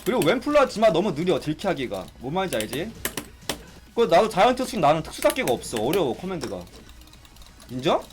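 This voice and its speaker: A man giving excitable live commentary on a fighting game, exclaiming and complaining as he plays. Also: fairly high pitch, fast, noisy background. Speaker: gaming streamer.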